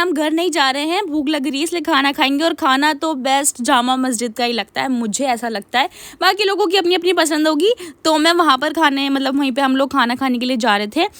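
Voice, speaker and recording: A woman's voice: high-pitched, fairly bright tone, no echo. A woman vlogger narrating casually, chatty and rambling with lots of fillers. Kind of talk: casual vlog voice-over.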